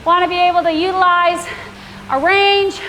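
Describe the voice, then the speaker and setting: A woman's voice: very high-pitched, fairly even intonation, moderate pace, pushed and bright, slight background noise. A woman indoor cycling coach leading a workout with encouraging, projected cues and countdowns. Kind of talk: workout class instruction with countdowns. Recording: echoey room with music playing. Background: workout music.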